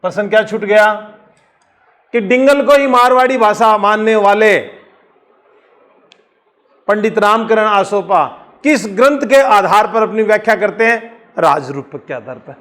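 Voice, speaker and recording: A male teacher with a Rajasthani accent giving an exam-prep lecture, explaining slowly, repeating key points and answering his own questions. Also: sits high, a bit bright.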